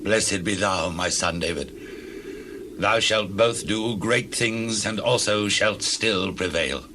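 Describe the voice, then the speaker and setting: Grave, forceful old King Saul. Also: lowish voice, takes it slowly, a little hiss or hum. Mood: solemn blessing. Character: King Saul, weighty, remorseful older monarch. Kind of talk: dramatized scripture audio acting.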